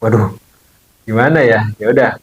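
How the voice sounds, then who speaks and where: A man's voice: fairly low pitch, moderate pace, low-quality recording. Man casually telling a clinic story. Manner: casual, relaxed storytelling with fillers and quoted dialogue. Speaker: bone-setting therapist. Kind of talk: storytelling to viewers.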